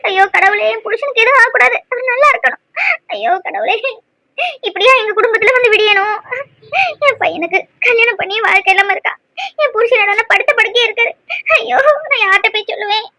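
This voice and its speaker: A woman voicing a sharp-tongued, dramatic middle-aged mother in a cartoon, scolding and lamenting. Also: very high voice, fast, no room sound. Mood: wailing. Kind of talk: cartoon voice acting.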